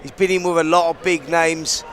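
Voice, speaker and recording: A man's voice: fairly high pitch, fairly even intonation, moderate pace, a bit bright, a little hiss or hum. A man giving conversational live boxing analysis as a co-commentator at ringside.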